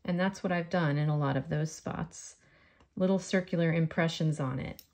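A woman's voice: low-pitched, normal speed, darkish tone. A woman with a faint New York accent giving a friendly step-by-step polymer clay crafting tutorial.

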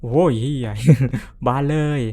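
Playing a horror game, a male gamer comments as he goes, jumpy and cursing with bursts of nervous laughter. His voice is slow and dark in tone.

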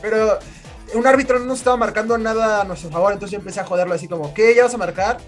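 A man's voice: sits high, fast talker, soft background music. A young man with a Mexican accent, co-hosting a podcast, telling stories in casual slang and acting out what people said. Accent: Mexican Spanish. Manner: slangy, laughing, acts out quotes loudly. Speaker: podcast co-host. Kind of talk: casual storytelling chat.

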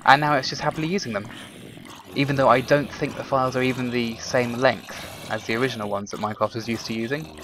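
Over a noisy background, a young gamer with a lowish voice rambles through casual let's play commentary. He's chatty, full of ums, and talks both to himself and to whoever is watching.

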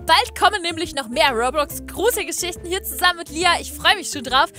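A woman hosting a game video, narrating a creepy story in a dramatic, excitable way. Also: extremely high pitch, brisk, faint music behind. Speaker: host. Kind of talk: horror story narration during gameplay.

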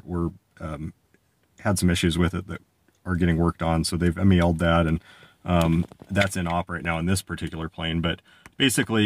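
A man with a very deep voice explains a cockpit check step by step. His delivery is relaxed and unscripted, with plenty of fillers and restarts. The sound is dry and close, recorded inside an aircraft cockpit. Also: no echo. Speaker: flight instructor. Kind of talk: unscripted instructional walkthrough.

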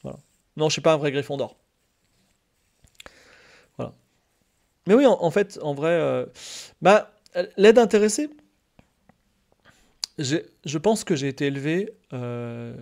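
A man with a fairly high voice and noticeable vocal fry talks loosely to his stream viewers. He wanders through his thoughts with fillers and restarts, getting animated as excitement builds.

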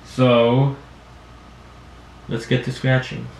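A man's voice: medium pitch, little pitch movement, very slow, vocal fry. A young man from Afghanistan chatting casually to his camera, rambling with fillers and laughing at himself. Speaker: vlogger. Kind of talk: casual vlog chat. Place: home room with TV on. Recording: roomy home recording with faint noise.

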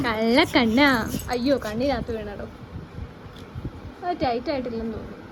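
High-voiced mother cooing. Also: background noise. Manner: coos and sings to the child. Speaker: vlogger, mother. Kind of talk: casual family vlog.

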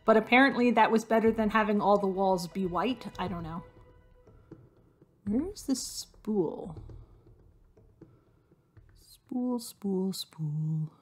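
A woman of middle pitch talks her way through a hidden-object game, listing items and making wry, self-mocking asides. Her voice sounds a little hoarse and worn, as if it is fading. Soft game music plays faintly behind her. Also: a little slow. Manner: chatty, self-deprecating, thinks aloud while searching. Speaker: gaming video host. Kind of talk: casual gameplay commentary.

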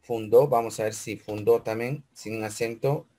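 A man's voice: fairly low pitch, steady tone, measured pace, warm tone. A man teaching a computer class, talking the students through each step and often checking in with them. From Peru. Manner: walks through steps aloud, keeps checking with "¿ve?" and "chicos"; asks questions in a student's voice, then answers them. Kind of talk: screen-recorded computer class.

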